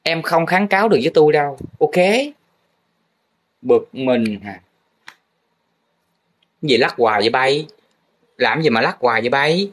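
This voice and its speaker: A man's voice: mid-range voice, lively intonation, unhurried, long pauses, fairly bright tone, husky. A young man playing a comic art teacher grading students' drawings, teasing and full of exaggerated exclamations. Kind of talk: comedic teacher role-play monologue.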